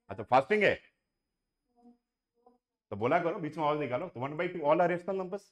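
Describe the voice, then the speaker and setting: A male maths teacher with a fairly high, very animated voice lectures a classroom of students and online viewers, mixing Hindi and English. He quizzes the class with questions and repeats his points.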